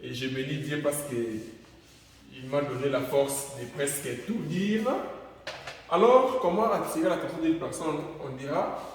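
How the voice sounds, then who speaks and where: A man's voice: a little high, unhurried, slight background noise. A man with a Central African French accent teaching English in a classroom, calling out example phrases with emphasis. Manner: drills English words with raised, emphatic calls. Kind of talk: classroom lesson. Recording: echoey room, far from mic.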